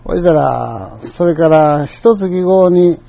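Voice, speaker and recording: Captured in dull lo-fi sound, an older Kansai-accented man drifts through a chatty, digressive personal anecdote in casual Japanese. He speaks slowly but animatedly, in a fairly high, dark-toned voice with vocal fry.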